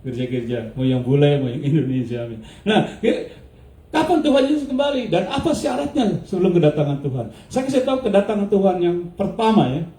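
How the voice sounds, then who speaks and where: A man's voice: high-pitched, expressive, fairly quick, mellow, roomy sound. A male pastor preaching a sermon, questioning his congregation, laughing often and dropping English words into his speech. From United States.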